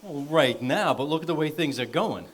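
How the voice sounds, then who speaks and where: An actor on stage playing an eager small-time comic from New York, brash and chatty. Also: male voice, a little high, lively intonation, normal speed, slight background noise, close to an everyday voice. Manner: brash, wisecracking showbiz patter. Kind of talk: stage play acting.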